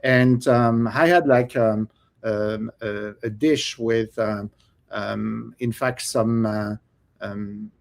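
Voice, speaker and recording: A French-accented man talks casually as a podcast guest. He hesitates often, fills pauses with "um" and "you know", and restarts his sentences, with easy laughs in between. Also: on the low side, steady tone, gravelly. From France. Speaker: podcast guest, cookbook author. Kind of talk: casual interview chat.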